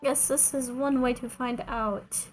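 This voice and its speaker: This woman, a non-native English speaker, talks casually during a gameplay livestream as game music runs underneath. She has a high voice with fairly even intonation and an unhurried delivery.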